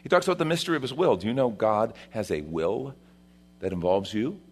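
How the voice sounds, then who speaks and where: Pastor preaching at a pulpit microphone. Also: male voice, lively intonation, brisk, breathy edge. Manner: conversational preaching, rising with emphasis then dropping low. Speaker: senior pastor. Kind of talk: sermon.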